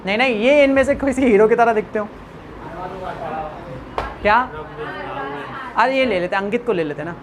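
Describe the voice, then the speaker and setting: A woman's voice: a little high, normal speed, long pauses, crowd noise. A woman biology teacher lecturing a classroom, repeating questions for the students to answer back and joking with them informally. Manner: repeats questions to the class, call-and-response drilling.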